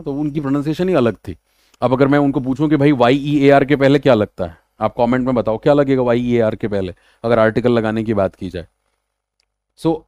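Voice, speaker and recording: Male grammar tutor for an exam-prep lesson. Chatty, with slow, careful English lines. Warm, mellow voice, dry close recording. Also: medium pitch, no room sound. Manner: casual, chatty explaining that mixes Hindi with slow, deliberate English.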